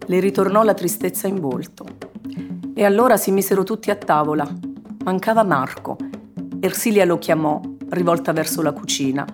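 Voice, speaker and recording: A woman narrating a children's story in an expressive, measured reading. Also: lowish voice, over music. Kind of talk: scripted narration.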